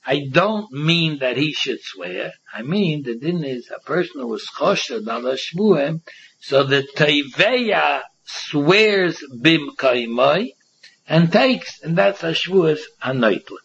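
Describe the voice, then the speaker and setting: A very husky, creaky-voiced man with a Yiddish-inflected accent teaches a Talmud class. He reads a phrase and then explains it in a sing-song way, repeating himself and posing questions. The recording is dull and muffled. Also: on the high side, expressive, slow pace, a bit bright. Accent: Yiddish-inflected English. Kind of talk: informal Talmud lesson, reading and explaining.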